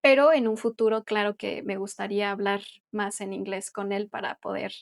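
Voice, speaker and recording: A Mexican woman who teaches Spanish co-hosts a casual podcast, explaining things chattily with light laughs. Her creaky, medium-pitched voice stays steady at a normal speed.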